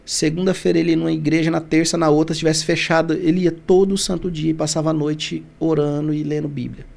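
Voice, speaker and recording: A man's voice: fairly high pitch, little pitch movement, fast talker, creaky, darkish tone. A Brazilian man, a guest on a podcast, telling a personal story with emotion, often restarting his sentences and acting out the voices of the people in it. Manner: emotional retelling, many restarts, acts out quoted voices. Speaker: podcast guest, barbershop founder.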